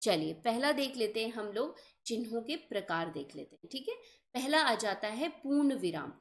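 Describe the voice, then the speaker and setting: A woman's voice: on the high side, animated, moderate pace, a little hiss or hum. A young woman teaching an exam-prep grammar lesson, explaining patiently and often checking that her students follow.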